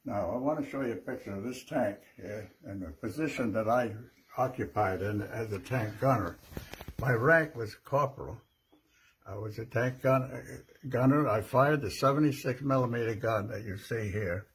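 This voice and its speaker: An elderly American man, an old veteran remembering his service in a plain, halting way. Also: mid-range voice, slight background noise. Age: 80s or older. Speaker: World War II veteran. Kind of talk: personal reminiscence.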